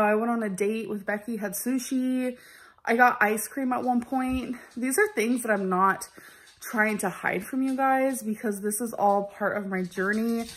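A woman's voice: fairly high pitch, reverberant, low-quality recording. A woman vlogger talking casually to her viewers, chatty and confessional, with plenty of filler words. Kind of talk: casual vlog chat.

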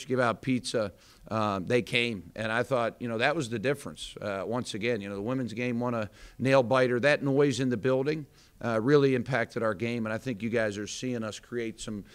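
A smooth, medium-pitched male voice belongs to an American head basketball coach in his thirties. Speaking candidly after the game, he fills his answers with restarts and fillers. He's in an indoor press room in front of a sponsor backdrop, captured by a tabletop mic in front.

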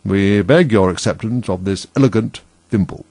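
A man's voice: deep voice, big pitch swings, fast, dark tone, husky, dry recording, heavily acted. A man voicing a grave, self-important storybook dodo in a solemn, formal manner.

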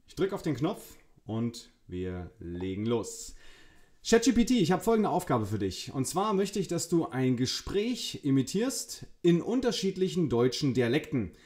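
A man's voice: a little high, big pitch swings, a little slow, darkish tone. A man hosting a demo video, enthusiastically giving spoken commands and commenting on the results. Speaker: host. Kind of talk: tech demo presentation.

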